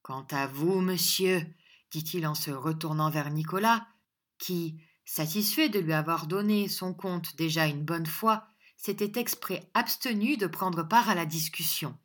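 A woman narrating a classic novel aloud in steady, measured storytelling. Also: fairly low pitch. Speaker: audiobook narrator.

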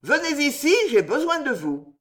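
A woman doing an oblivious old gentleman calling out. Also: high-pitched, big pitch swings, normal speed, pitched above the performer's own voice. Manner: calling out loudly. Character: cheerful, oblivious elderly gentleman.

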